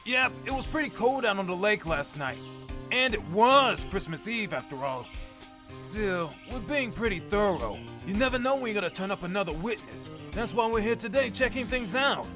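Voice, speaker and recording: Casting: male actor as gruff, loyal, hot-headed detective, very high-pitched and swooping, blustering slang, game-based audio drama. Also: lively intonation, moderate pace, over music. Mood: puzzled, earnest. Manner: blustering, slangy, ends remarks with "pal". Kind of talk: fan audio drama acting of a video game story.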